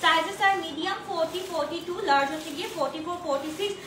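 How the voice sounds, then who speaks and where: A woman from Bangladesh hosting a live dress sale from home, talking loudly and chattily, mixing English phrases into her talk and reading out viewer comments. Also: very high-pitched, moderate pace, roomy sound, background noise. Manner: chatty, mixes English into Bengali, addresses viewers as apu; talks loudly on purpose. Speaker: online dress seller. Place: indoors, home.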